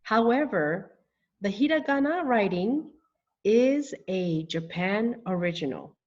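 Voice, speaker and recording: A woman teaching a beginner language lesson at an unhurried pace, stretching each new word out syllable by syllable. Her pitch sits in a middle range. The recording sounds a little dull and lo-fi. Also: animated. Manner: slow, deliberate, spells out words syllable by syllable. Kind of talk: scripted lesson narration.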